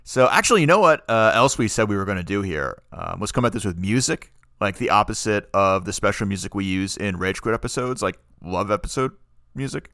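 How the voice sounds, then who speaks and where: A man's voice: on the low side, animated, brisk, gravelly, a bit bright, no room sound, clean studio sound. A man hosting a podcast in casual chat, joking and teasing his co-host.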